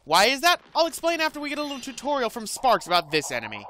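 A man's voice: very high voice, huge pitch swings, fast, sharp tone, slight background noise. A man hosting a let's play, giving rambling, sarcastic gameplay commentary. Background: faint game music.

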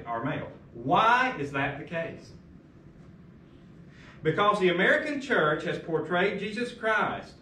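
A man's voice: on the high side, bright, forceful tone, echoey room, a little hiss or hum. A middle-aged man pastor preaching a sermon at a lectern, asking emphatic rhetorical questions, recorded by a far camera in a large carpeted church room.

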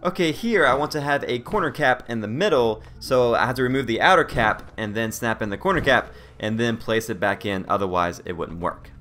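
A man's voice: medium pitch, a little fast, few pauses, fairly bright tone. A man hosting a casual game tutorial voice-over in a joking, conversational manner. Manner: self-deprecating, joking, conversational. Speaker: video host.

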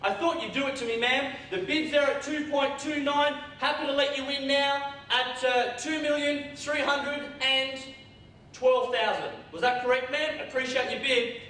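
A young man working as an auctioneer, calling a live auction with energetic, projected bid-spotter patter, repeating figures and coaxing bidders. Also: extremely high pitch, normal speed. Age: young adult. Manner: projected, energetic delivery to a room. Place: conference room with seated audience. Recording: very echoey room, distant mic, faint noise.

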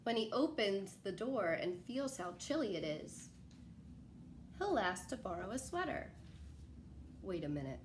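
In a small home living room, a young woman with a medium-pitched voice performs a picture book the way a teacher would, lively and full of expression, with asides and questions for the kids listening. A phone camera set a little way off captures her, along with a faint hiss or hum.

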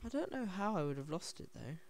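A man's voice: sits high, sing-song, fast talker, no room sound. A man hosting a let's play, talking in a rambling, stammering, giggly way. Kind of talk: casual gaming commentary.

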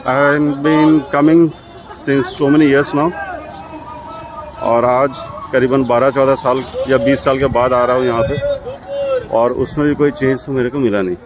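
A man's voice: medium pitch, fairly even intonation, measured pace, a crowd in the background, low-quality recording. A man from Jharkhand in India, narrating his bus trip in a casual, reflective travel vlog and slipping English phrases into his talk. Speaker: travel vlogger. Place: bus and roadside stops outdoors. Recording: street and vehicle noise behind.

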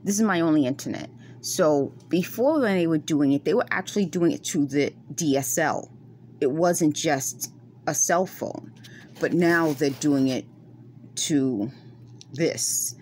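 Speaking a little slowly in a low, darkish voice, this middle-aged vlogger from the Bronx has a New York accent tinged by West Indian roots. At night in a dim room, she earnestly and insistently circles around her point in a casual talk to her close-up phone camera, over a faint hiss or hum.

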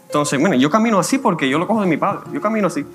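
A man with a Cuban Spanish accent giving a conversational sermon as a minister, slowing down to read scripture aloud. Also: high-pitched, expressive, a bit bright, faint music behind. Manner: conversational preaching, slows down reading scripture. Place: church.

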